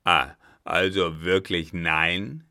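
A man's voice: steady tone, unhurried, clear, resonant tone. A man reading a German story aloud, voicing a blustering, domineering old captain who roars his threats. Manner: booming, shouted outbursts.

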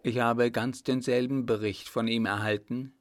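A man's voice: mid-range voice, steady tone, moderate pace, close to an everyday voice. A man reading the lines of a curt, commanding, sarcastic emperor in an audiobook. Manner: clipped, imperious.

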